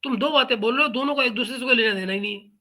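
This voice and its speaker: A man's voice: very high-pitched, very fast, pushed and bright. A man hosting a reaction commentary channel, talking in a mocking, sarcastic way. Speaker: YouTube commentary host.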